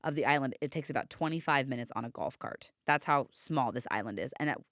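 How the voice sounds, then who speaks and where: Young woman podcast host, low smooth voice, chatty storyteller, dry close sound. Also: quick pace, a bit bright, no echo. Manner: chatty, storytelling, laughs at her own jokes. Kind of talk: casual chat.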